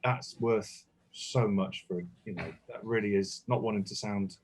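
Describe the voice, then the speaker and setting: A man in casual conversation, telling lively anecdotes and swearing casually. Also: fairly low pitch, measured pace, husky. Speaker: guest. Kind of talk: casual chat. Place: indoors, relaxed group chat.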